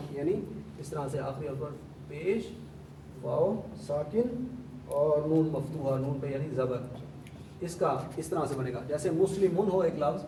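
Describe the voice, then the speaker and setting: A man teaches a class, drilling his students with questions and repeating each word form until it sticks. His voice sits a little high and comes from some distance off the mic. An echoey classroom with a faint hum carries it. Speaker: Arabic grammar teacher. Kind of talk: classroom lesson.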